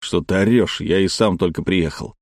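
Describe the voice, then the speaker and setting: A man's voice: sits low, moderate pace, a little mellow, no room sound, studio quality. A man reading the part of a stubborn, short-tempered middle-aged father in an audiobook. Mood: angry. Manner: growling, angry.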